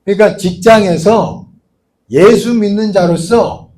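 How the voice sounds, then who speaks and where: A man's voice: high voice, slow pace, a little mellow. A man preaching a sermon as a pastor, telling a story in a chatty way and often turning to the congregation with questions. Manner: conversational storytelling with rhetorical asides. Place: church.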